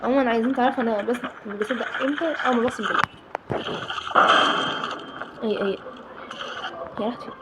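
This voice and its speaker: A young Egyptian woman, a gaming YouTuber with an Egyptian Arabic accent, talks fast in a fairly high voice, broken by long pauses. She gives jittery, exasperated commentary on a horror game to her viewers, over loud background noise and clicks.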